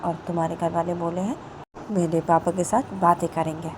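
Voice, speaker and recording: A woman's voice: lowish voice, flat delivery, a little fast, background noise, lightly acted. A woman voicing an anxious young woman who fusses and pleads again and again. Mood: pleading. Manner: fussing, repeats pleas over and over.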